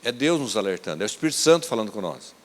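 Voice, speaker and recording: A man, preaching a church sermon with emphatic, raised appeals and soft asides. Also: fairly low pitch, very animated, racing. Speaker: pastor. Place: church service. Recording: reverberant church hall.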